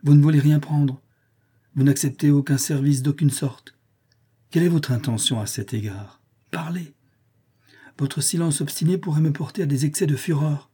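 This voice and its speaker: A man's voice: on the high side, normal speed, mellow, husky, pitched above the performer's own voice. A man voicing a jealous, menacing fallen priest in an audiobook, his lines cold and threatening. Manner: cold, threatening, then pleading. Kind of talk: audiobook character reading.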